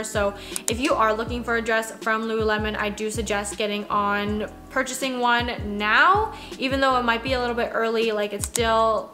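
A woman in her twenties, a fashion vlogger, chats casually from a small home office indoors while reviewing new clothing releases. Her voice is a little high and a bit bright, and her conversational manner is packed with "like" fillers.

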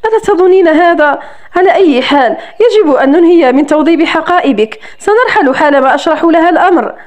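A woman reading the lines of a young man in love, calm, earnest and possessive, in a romance audiobook. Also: very high-pitched, fast. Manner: calm, tender delivery.

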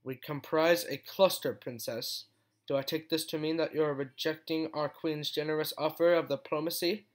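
A man's voice: medium pitch, lively intonation, normal speed, lightly acted. A man reading aloud, voicing a haughty, cold female insect-like general in a clipped, stiff, formal way.

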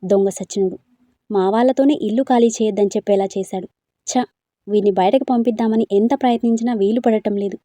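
A woman reading a storybook, voicing a stubborn, quick-tempered young woman with sharp, scolding retorts. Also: medium pitch, steady tone, no room sound, close to an everyday voice. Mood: fuming.

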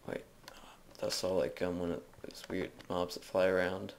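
Deep-voiced man rambling over gameplay. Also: flat delivery, moderate pace, vocal fry, a little hiss or hum. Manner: rambling, jokey self-narration. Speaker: video game let's player. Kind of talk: casual gameplay commentary. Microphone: desk microphone.

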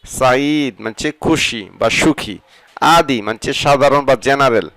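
A man teaching a vocabulary lesson, saying each phrase and then its meaning in a steady drilling rhythm. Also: medium pitch, a little slow, no echo, poor audio. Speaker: language teacher.

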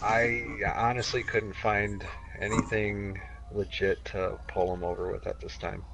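A man's voice: lowish voice, level tone, a little slow, creaky. A man on police radio traffic, answering in terse radio codes and hesitating when he explains. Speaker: patrol officer in a police roleplay.

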